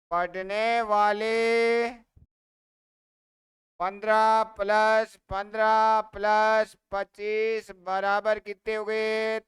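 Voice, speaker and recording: At an unhurried pace, a man teaches an exam-prep maths lesson, posing a question to the class, repeating it, and then answering it himself. His high, very clear and smooth voice has a fairly bright tone, recorded close on a dry mic with no echo.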